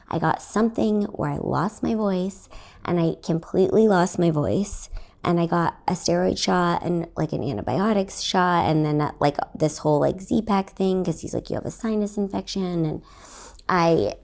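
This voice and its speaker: On her podcast, a young comedian from Texas rambles through a story alone, leaning on plenty of filler words. She speaks in a lowish, gravelly voice with a darkish tone.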